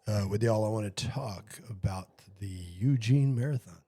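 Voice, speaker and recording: Halting man hosting a podcast. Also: fairly low pitch, warm tone, breathy edge. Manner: halting, many fillers and restarts. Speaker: podcast host. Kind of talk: casual podcast chat.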